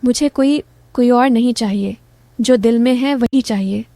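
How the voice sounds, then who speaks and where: A lovestruck young man, as a woman reader puts him on in a spoken story, soft and coaxing. The voice sits fairly high and mellow. The sound is close and dry, with no room around it. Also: measured pace, no echo. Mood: tender.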